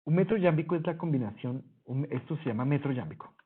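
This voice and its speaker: A man's voice: on the high side, animated, fast talker. A man teaching a Greek lesson over a screen recording, explaining patiently and correcting himself as he goes. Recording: husky voice, phone-like narrow sound.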